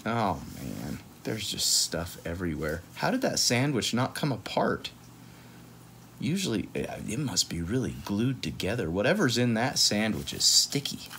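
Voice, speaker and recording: This thirtysomething host reads a children's picture book aloud from a couch at home, chatting playfully and straying into asides. His voice is lowish, gravelly, and a bit bright, with a sing-song lilt and a slightly slow pace, over slight background noise.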